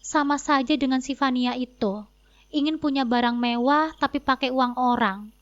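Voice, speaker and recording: A woman's voice: sits high, steady tone, moderate pace, highs cut off. A woman narrating a dramatic first-person story, with a cold, scornful, confronting manner.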